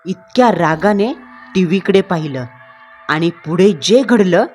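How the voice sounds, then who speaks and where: A woman's voice: on the low side, unhurried, darkish tone, faint music behind. A woman telling a horror story in a dramatic, suspenseful scripted narration.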